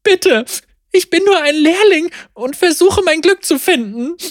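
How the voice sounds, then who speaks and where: A desperate young apprentice woman, played by a female narrator pleads and sobs in a high, strained voice that sits well above the reader's own. Her pitch leaps around. The storybook reading is close and dry. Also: big pitch swings, normal speed, no echo. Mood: pleading.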